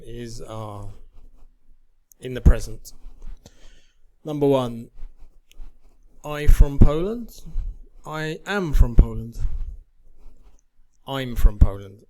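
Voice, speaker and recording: A man teaching a beginner English lesson, reading example sentences and verb forms in a careful, measured way. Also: mid-range voice, dark tone.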